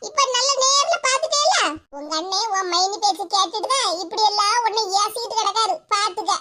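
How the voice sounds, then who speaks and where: A woman's voice: very high-pitched, fairly quick. A woman voicing a gossipy, sly older neighbour woman in a cartoon, speaking in a mocking, scolding way. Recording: loud hiss behind voice.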